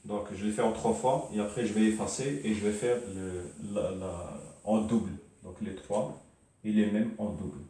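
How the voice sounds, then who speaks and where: A man's voice: lowish voice, mellow, a little hiss or hum. A man teaching an Arabic reading lesson, drilling syllables one by one with many fillers and repeats. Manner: slow, repetitive drilling of syllables, frequent "donc" and "euh". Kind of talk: classroom lesson. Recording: very echoey room, mic at a distance.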